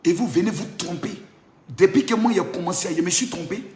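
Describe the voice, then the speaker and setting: A man in a boastful, taunting video rant, shouting and half singing his jeers. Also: high voice, animated, brisk, a little hiss or hum. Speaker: social media influencer. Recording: echoey room.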